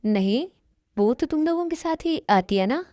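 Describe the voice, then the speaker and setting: A woman voicing a calm, homely middle-aged mother in a fan-made dub drama. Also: sits high, normal speed, no room sound, studio quality.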